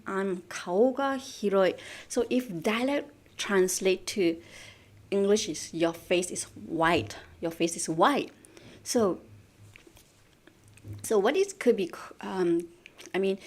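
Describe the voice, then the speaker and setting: During a live online lesson on Japanese idioms, a woman from Malaysia moves back and forth between English and Japanese, repeating words and putting questions to her viewers. She speaks at a medium pitch with a darkish tone.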